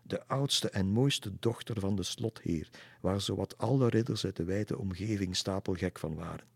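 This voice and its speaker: Deep, gravelly storyteller. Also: male voice, moderate pace, no echo, clean studio sound. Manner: calm, steady reading. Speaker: narrator. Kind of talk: storybook reading.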